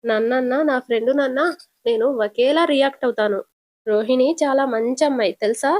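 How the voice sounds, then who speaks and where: A woman's voice: sits high, fairly even intonation, a little mellow, close to an everyday voice. A woman voicing a sly young woman who answers defensively while scheming, in a retold serial episode. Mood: protective. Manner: defensive, quick comebacks.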